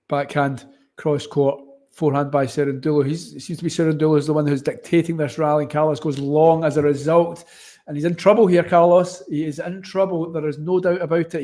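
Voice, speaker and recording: A man's voice: a little high, dark tone. A man with a broad, thick Scottish accent hosting casual live tennis commentary, wordy and often rewording himself mid-sentence. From Scotland. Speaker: watchalong stream host and commentator.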